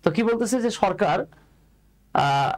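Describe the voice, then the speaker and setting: A Bangladeshi English teacher with a somewhat high-pitched male voice leads an online class. He goes over each point twice, tosses questions at his students and calls them dear. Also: animated, slow pace, low-quality recording. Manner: repeats phrases and quizzes students.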